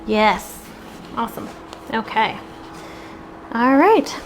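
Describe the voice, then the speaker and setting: A woman's voice: on the high side, lively intonation, takes it slowly, heavy background noise. A woman hosting a live cooking demonstration, chatty and upbeat, sometimes stepping away from the mic. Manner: chatty, upbeat, eating while talking.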